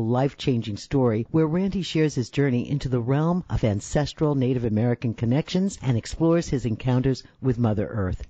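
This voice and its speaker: A man reads a book promo in a steady, selling tone. His voice is dark, mellow and husky, recorded dry with a slightly dull sound. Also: medium pitch, no room sound. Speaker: ad announcer. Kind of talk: radio ad read.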